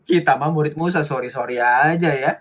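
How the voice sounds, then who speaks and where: Give me a man playing a haughty, sneering Pharisee in a sermon retelling. He drawls slowly and looks down on everyone. His voice is husky and pitched a little higher than the man's normal speech. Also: fairly bright tone. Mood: scornful. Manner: drawling, mocking and superior. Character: smug, sneering male Pharisee scholar.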